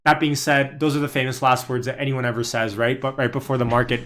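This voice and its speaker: Speaking quickly in a fairly bright, mid-range voice with little pitch movement, a young Canadian livestream host and day trader talks stocks. He keeps it casual and chatty, laughing while he reads viewer comments out loud.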